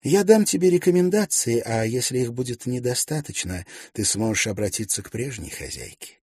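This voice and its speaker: A man voicing a lonely young gentlewoman who speaks gently but decisively, in an audiobook. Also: mid-range voice, very animated, moderate pace, slightly rough, no echo, clean studio sound, pitched above the performer's own voice. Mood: earnest kind. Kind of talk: audiobook character voice.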